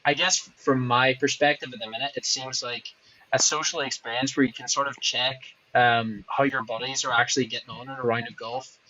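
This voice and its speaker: A man's voice: medium pitch, steady tone, fairly quick, dull audio, background noise. A man hosting a podcast, chatting in a friendly, conversational way with frequent "um"s. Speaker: podcast host. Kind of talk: casual interview chat.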